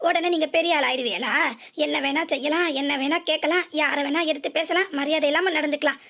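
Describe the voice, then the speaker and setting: A woman's voice: fast talker, a bit bright. A woman voicing a furious middle-aged village mother who berates and laments at her daughter in a cartoon serial. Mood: sarcastic. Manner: shrill, berating, lamenting scolding.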